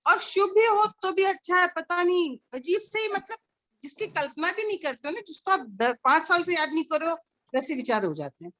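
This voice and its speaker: A woman's voice: extremely high pitch, expressive, normal speed, a bit bright, no room sound. A woman taking part in a casual spiritual discussion, earnest and questioning. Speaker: participant.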